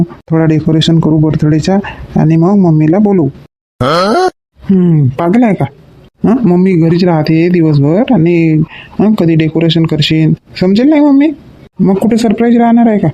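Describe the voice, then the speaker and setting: A man's voice: high voice, fairly even intonation, moderate pace, mellow. A man playing an eager pleading son. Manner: pleading, repeats words. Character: grown sons at home, eager and scheming. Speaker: son in a family sketch. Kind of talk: comedy sketch acting. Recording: dull lo-fi recording with faint noise.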